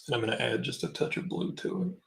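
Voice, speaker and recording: A man's voice: mid-range voice, lively intonation, quick pace, gravelly, a little hiss or hum. A man hosting a live painting stream, casually explaining each step as he works and answering questions from chat. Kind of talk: casual livestream painting demo.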